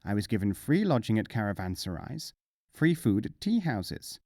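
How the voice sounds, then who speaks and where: A man's voice: on the low side, sing-song, moderate pace, dark tone, no room sound, clean studio sound. A man voicing a cheerful, boastful wandering mullah in a storybook, chatty and breezily self-assured. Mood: breezy, boastful.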